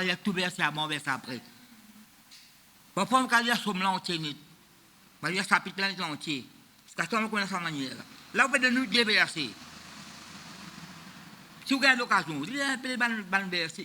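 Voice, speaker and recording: A man's voice: high-pitched, sharp tone, slight background noise. A man, preaching a sermon as pastor of a church, in a loose, repetitive style that mixes French and Creole. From Mauritius.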